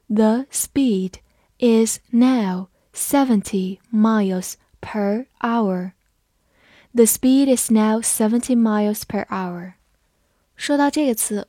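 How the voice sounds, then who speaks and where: A woman teaching English vocabulary, spelling words letter by letter and reading example sentences slowly and patiently. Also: a little high, mellow, no room sound, clean studio sound. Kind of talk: vocabulary lesson, spelling and slow read-alouds.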